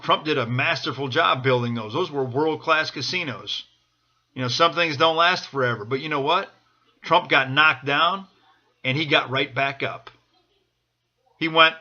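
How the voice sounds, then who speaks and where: Forceful, urgent man giving a political pep talk. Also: fairly high pitch, muffled recording. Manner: urgent, exhorting, repeating phrases. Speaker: political supporter vlogger. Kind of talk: impassioned off-the-cuff political pep talk to camera.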